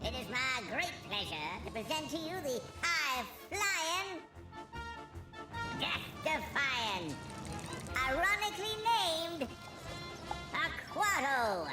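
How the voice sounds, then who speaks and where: A woman's voice: sits high, sing-song, takes it slowly, pauses often, full character voice. An actress playing a grandiose flea circus ringmaster in a video game, announcing theatrically like a showman. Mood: grandiose showmanship. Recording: echoey, over game music.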